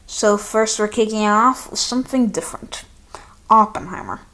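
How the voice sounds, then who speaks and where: A woman reviewing and ranking movies in a casual vlog, talking excitedly and directly to viewers with rambling asides. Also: medium pitch, moderate pace.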